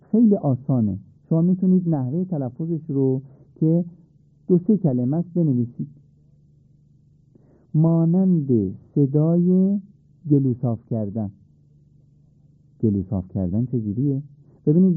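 A man's voice: medium pitch, no echo. A man teaching Arabic letter pronunciation for prayer and Quran recitation, patiently repeating and demonstrating sounds. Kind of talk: radio-style pronunciation lesson. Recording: tinny phone-like dry sound.

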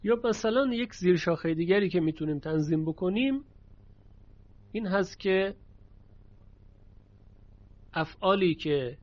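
A man teaching a lesson on Quranic readings, explaining the rules and chanting short verse examples slowly. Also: high voice, dry recording, muffled recording.

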